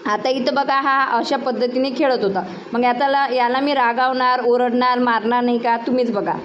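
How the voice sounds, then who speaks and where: A woman's voice: fairly high pitch, steady tone, moderate pace, lo-fi sound, slight background noise. A young woman, a mother, casually telling viewers her complaints, often turning to them with rhetorical questions. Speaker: mother and vlogger. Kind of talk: casual storytelling to camera.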